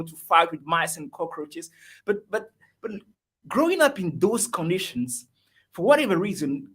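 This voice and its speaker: A man from Togo, a motivational speaker guest, telling his life story on a video call in an animated, emphatic way, repeating words and joking. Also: sits high.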